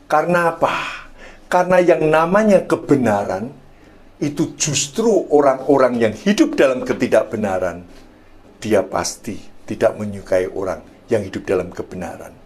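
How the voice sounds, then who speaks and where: A middle-aged man preaching a sermon, telling a story and often addressing listeners as brothers and sisters, his phrases trailing off softly. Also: mid-range voice, lively intonation, moderate pace. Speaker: pastor.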